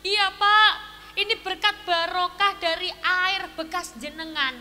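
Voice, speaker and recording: Woman doing a gentle trusting innkeeper father. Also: very high-pitched, fairly even intonation, slow, in a large hall, exaggerated voice.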